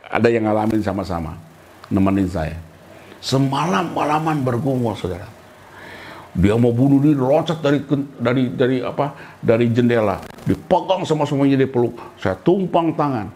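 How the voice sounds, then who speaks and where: Man, middle-aged, pastor, sermon, colloquial, lively quoting of voices. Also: medium pitch, low-quality recording. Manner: colloquial, addresses listeners as "saudara", acts out quoted voices.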